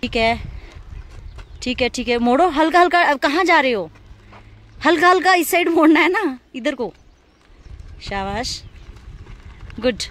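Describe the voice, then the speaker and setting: A woman teaching scooter riding outdoors on a hilly road, giving patient step-by-step instructions and coaxing the rider on with steady praise. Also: high voice, measured pace, long pauses. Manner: encouraging, coaxing, repeats cues like "shabash". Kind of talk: hands-on instruction.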